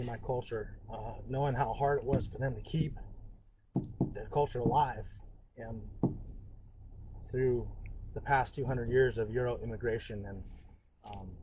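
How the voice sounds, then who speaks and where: A man from Northern California giving a live-streamed educational talk as a cultural educator. He speaks in an earnest, halting way, with frequent pauses and restarts. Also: medium pitch, noisy background.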